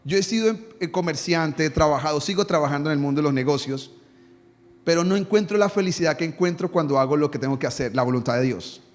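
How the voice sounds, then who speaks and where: Male pastor, sermon delivery, rhetorical questions, hushed low prayers, slightly high voice, reverberant hall. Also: fast talker. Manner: preaches with rhetorical questions, dropping low and quiet on quoted prayers. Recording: long reverb in a church hall.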